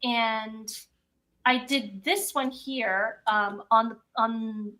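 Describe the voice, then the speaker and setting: Woman artist-host, slightly high pitch, casual and stop-start show-and-tell, recorded at a distance from the mic. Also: fairly even intonation, very slow, pushed and bright. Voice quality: distant-sounding, away from the mic. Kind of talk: casual chat while showing artwork. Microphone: speaker sitting far from the microphone. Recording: distant from the microphone.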